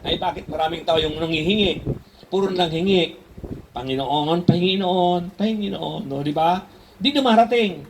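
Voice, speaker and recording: A man preaching a sermon to his congregation, lively and full of questions to the room, switching into English when he quotes Bible verses. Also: on the high side, moderate pace, slight background noise, low-quality recording. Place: church service in a hall.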